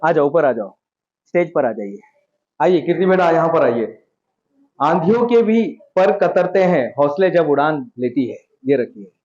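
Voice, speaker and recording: Male motivational speaker, high voice, coaxing and repetitive, dull lo-fi audio. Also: measured pace. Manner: animated, coaxing the audience with questions and repeated phrases. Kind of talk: motivational speech to students. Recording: dull lo-fi sound.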